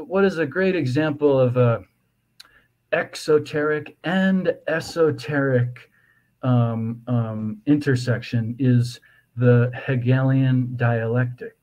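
A man with a lisp and slushy s sounds explains philosophical ideas conversationally as a guest, in a halting, digressive way. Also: mid-range voice, a little mellow, rough recording. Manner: halting, digressive, with repeated "you know". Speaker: podcast guest, author.

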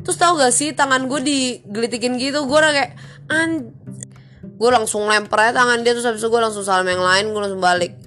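A woman's voice: a little high, fast talker, fairly bright tone, soft background music. A young woman, telling a story in a chatty, slangy vlog with exasperated venting. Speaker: vlogger.

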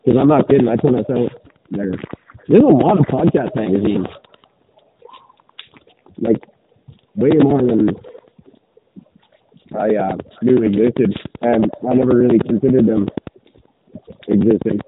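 A man chats casually on his podcast, his voice muffled as though he is talking through a sweater. The thin, phone-like sound comes with clear background noise behind him. He rambles and swears easily, often restarting his sentences. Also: mid-range voice, unhurried, pauses often. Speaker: podcast co-host. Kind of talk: casual chat.

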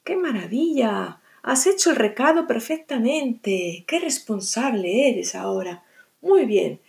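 A woman's voice: a little high, lively intonation, takes it slowly, vocal fry, darkish tone, exaggerated voice. A woman voicing a worried, protective mother in a storybook podcast, firm and anxious. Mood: proud.

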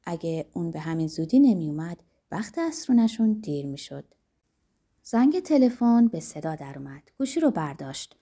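A woman narrating a novel for an audiobook in a dramatic, expressive reading. Her tone is soft and mellow, and her pitch rises and falls widely. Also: slightly rough.

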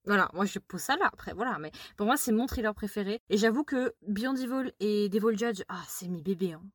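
A woman hosting a casual chat, talking in a gushing, animated way. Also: mid-range voice, breathy edge, no echo, clean studio sound. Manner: animated and gushing, quick talk. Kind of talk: casual chat about TV dramas.

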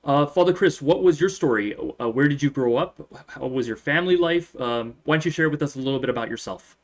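A man who is a priest hosts an interview show. His voice sits at an ordinary middle pitch. He asks questions in a friendly, conversational way. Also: a little fast. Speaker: priest and program host. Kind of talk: interview hosting.

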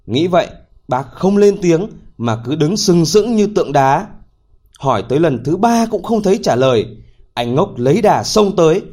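A man narrating a folk tale in a steady, clear reading. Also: a little high. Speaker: storyteller.

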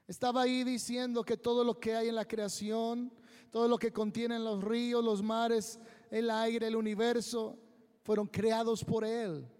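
A man preaching a sermon, slow and emphatic, drawing out his phrases. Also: very high voice, little pitch movement, darkish tone, smooth. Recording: long reverb of a large hall.

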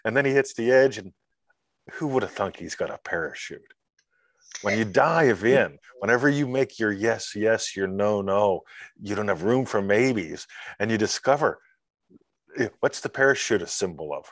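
A man chatting on a podcast as a guest mentor, telling stories with lively acted-out scenes and sound effects. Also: on the low side, moderate pace, no room sound, studio quality. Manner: animated storyteller, acts out scenes with sound effects. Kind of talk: casual podcast chat.

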